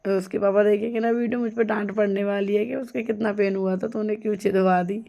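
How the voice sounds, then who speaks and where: A woman's voice: mid-range voice, little pitch movement, a little fast, creaky, warm tone, highs cut off. A young adult woman chatting casually as she tells the story of her day in a home vlog. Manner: chatty, storytelling, laughs often. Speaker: vlogger.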